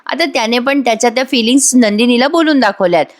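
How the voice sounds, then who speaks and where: A woman's voice: fairly high pitch, quick pace. A woman narrating a voice-over recap of a TV serial episode in a chatty storytelling manner, talking to her listeners.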